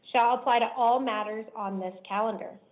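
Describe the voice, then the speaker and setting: A woman judge speaking in a measured, formal, deliberate way from the bench, heard on a courtroom recording. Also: fairly high pitch, steady tone. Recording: dull lo-fi courtroom stream.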